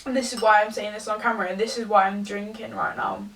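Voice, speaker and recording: A young woman, tipsy, giving a rambling, halting confessional rant to a camera some distance away. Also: mid-range voice, level tone, a bit bright. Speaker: vlogger. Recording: distant from the mic.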